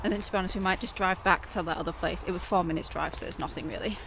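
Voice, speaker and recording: Chatty woman vlogging outdoors in loud wind. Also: on the low side, racing, creaky. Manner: chatty, rambling, self-deprecating. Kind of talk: casual chat. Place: outdoors by the coast.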